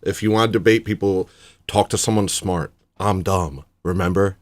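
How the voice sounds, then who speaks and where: A man's voice: sits low, fairly even intonation, moderate pace. A young man hosting a casual livestream from his home setup, rambling, sarcastic and self-deprecating. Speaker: livestream host.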